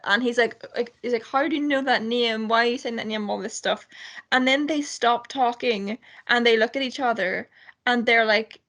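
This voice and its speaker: A woman's voice: on the high side, fairly bright tone. A woman co-hosting a radio film show, criticising a film in a casual, exasperated way.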